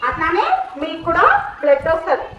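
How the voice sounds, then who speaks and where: A woman's voice: very high-pitched, a little fast, lo-fi sound. A woman teacher, coaxing young children with repeated questions in a school classroom. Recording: echoey room, mic far off, faint noise.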